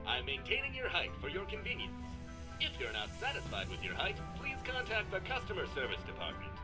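A very high, stilted male computer attendant from a cartoon game. He is officious and scripted, with pitch that moves around a lot. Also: wildly swooping pitch, a little fast, music in the background. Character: male computer program, officious automated customer-service attendant.

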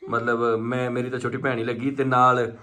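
A man hosts a family vlog in an earnest, conversational voice of middling pitch. He talks casually, asks questions and often repeats a phrase to press it home. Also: flat delivery, a little fast, bright, forceful tone. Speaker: vlog host.

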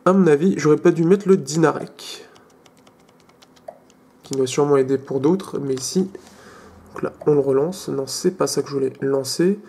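A man's voice: on the high side, normal speed, gravelly, long pauses, mellow. Hesitant young French man demoing tech. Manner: hesitant, many fillers and restarts. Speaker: tech video host. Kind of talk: casual screen demo.

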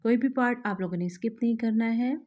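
A woman host, calmly explaining a recipe step by step to her viewers in a voice-over. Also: a little high, fast talker. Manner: calm, instructive, addresses viewers directly. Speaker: cooking channel host.

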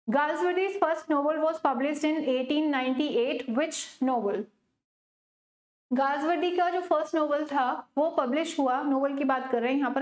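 A woman with an Indian accent teaching an online exam-prep literature class, chatty and scolding, slowing down to read questions aloud. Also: high-pitched, echoey room. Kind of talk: live exam-prep class, mixing Hindi and English.

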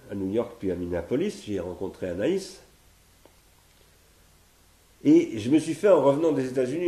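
This is a home philosophy seminar given by a man in his sixties from France, whose voice sits on the low side with a dark tone. Partly reading from notes, he reasons aloud in a searching manner, repeatedly restarting and repeating words. The echoey living room is captured by a fixed camera at medium distance.

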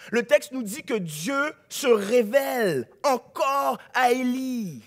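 A male pastor, preaching a sermon in a church, dropping to a hush and then rising to a shout. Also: extremely high pitch, expressive, slow. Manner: dramatic preaching, swings from hushed to shouting.

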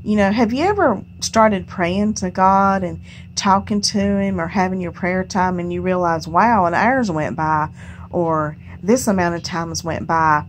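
A woman hosting a home Bible study, reading scripture aloud and musing on it in a folksy, unhurried way. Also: fairly low pitch, a little hiss or hum. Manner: folksy, unhurried, reads scripture aloud then muses on it with "you know". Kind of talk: casual Bible reading and reflection.

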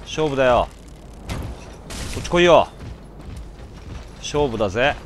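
A man giving casual let's-play commentary, breaking from muttered asides into loud startled outbursts. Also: medium pitch, expressive, slow pace, slight background noise.

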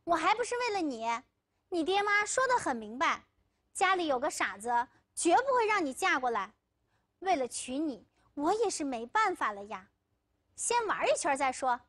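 A woman's voice: extremely high pitch, big pitch swings, normal speed, a bit bright, full character voice. A woman lecturer voicing a scheming, self-serving young village man in a told story. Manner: boastful and pleading by turns.

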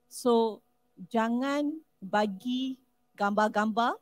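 Brief: higher-pitched Malaysian woman on a mic, dry close sound, lively code-switching speaker at a public talk. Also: extremely slow, no room sound, low-quality recording. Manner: animated, code-switching, acts out scammer voices. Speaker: anti-scam talk speaker. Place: event hall.

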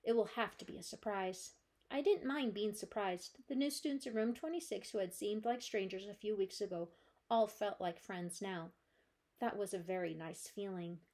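A woman librarian reading a children's chapter book aloud with gentle, steady storytelling. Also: mid-range voice, normal speed.

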